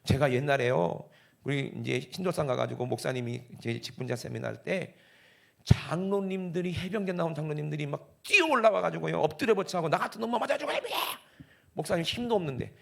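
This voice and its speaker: A man with a Gyeongsang accent preaching a lively Sunday sermon in a church, often putting questions to the congregation. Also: on the high side, fairly quick, gravelly. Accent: Gyeongsang (Busan). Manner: animated, talks directly to the congregation with frequent questions. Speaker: pastor. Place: church sanctuary.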